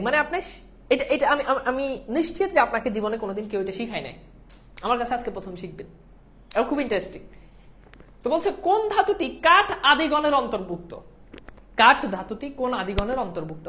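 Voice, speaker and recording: A woman's voice: sits high, fairly bright tone, slight background noise. Repetitive lecturing woman teacher. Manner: repeats key answers, asks the class if it is clear. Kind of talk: recorded grammar lecture.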